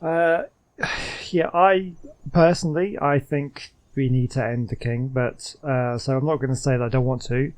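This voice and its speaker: A man's voice: medium pitch, fairly even intonation, moderate pace. Man muttering casual gameplay commentary. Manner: rambling, muttering reactions to the game. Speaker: gaming streamer.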